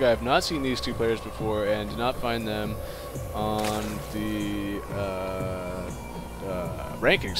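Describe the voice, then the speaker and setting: Rambling young male game caster. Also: mid-range voice. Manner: rambling, filler-heavy, says "like" a lot. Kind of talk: casual play-by-play commentary.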